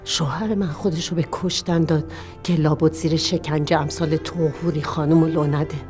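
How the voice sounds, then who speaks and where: An actress playing a fierce grieving widow. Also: female voice, deep voice, fairly even intonation, darkish tone, faint music behind, natural voice. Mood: threatening. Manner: pleading, then bitter and accusing. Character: grieving mother of two, fierce and accusing. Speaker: widow confronting her husband's associates. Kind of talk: TV drama acting.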